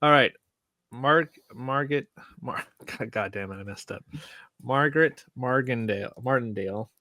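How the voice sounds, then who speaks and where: A man's voice: medium pitch, moderate pace, sharp tone, no echo. A man co-hosting a movie podcast in casual chat, joking and acting out lines. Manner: jokey, acts out lines in a raised voice. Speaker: podcast co-host.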